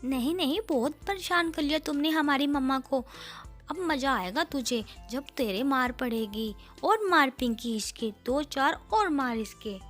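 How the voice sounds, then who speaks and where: A woman's voice: high-pitched, animated, unhurried, fairly bright tone, faint music behind. A woman doing a fierce little sparrow boy. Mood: furious. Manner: fierce, commanding. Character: angry young sparrow boy, protective son.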